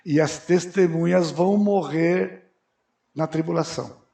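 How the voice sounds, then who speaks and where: A pastor teaches at a church conference with a raised, gravelly voice. He questions his listeners, answers himself and surges into loud emphatic peaks. His voice rings around a roomy auditorium. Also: a little high, unhurried. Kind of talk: expository Bible teaching at a conference.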